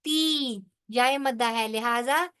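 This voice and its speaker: High-voiced woman teaching Quran recitation. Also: sharp tone. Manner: explains rules step by step, then recites words slowly and drawn out; checks in with frequent "theek hai". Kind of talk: tajweed lesson with slow recitation.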